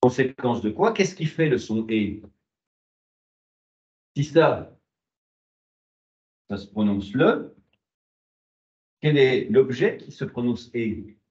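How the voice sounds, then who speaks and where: A man's voice: mid-range voice, slow pace, pauses often. French-speaking man lecturing in echoey room. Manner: lively, rhetorical questions answered himself. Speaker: university lecturer. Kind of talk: classroom lecture. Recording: muffled, echoey classroom.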